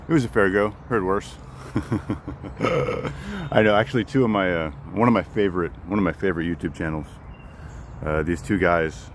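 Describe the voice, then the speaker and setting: Male streamer on a hike, very low voice, rambling and chatty, light outdoor hiss behind. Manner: rambling, repeats words, greets chat by name. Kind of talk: casual live-stream chat while hiking. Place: outdoors on a wooded nature trail.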